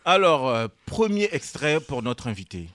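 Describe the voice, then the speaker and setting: A man hosting a lively radio studio chat, teasing his guests and laughing often. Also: medium pitch, moderate pace, no room sound. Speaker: radio show host.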